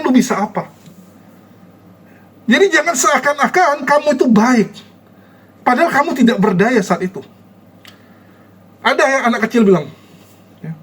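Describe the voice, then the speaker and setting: Speaking informally to an online audience, this high-voiced man has a breathy edge. He mocks and berates his opponents in a combative manner, ridiculing them as he goes.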